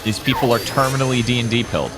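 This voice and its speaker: A man's voice: mid-range voice, lively intonation, fast, music in the background. A man bantering casually as a game streamer, joking and swearing freely.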